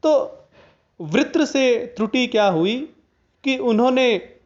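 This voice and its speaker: A man lectures on Hindi grammar in a high voice, taking each point slowly and carefully. He stops now and then to chant a Sanskrit phrase in an old recitation style. The sound is somewhat dull and lo-fi. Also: expressive. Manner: slow, deliberate explanation with chanted Sanskrit examples. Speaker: Hindi teacher.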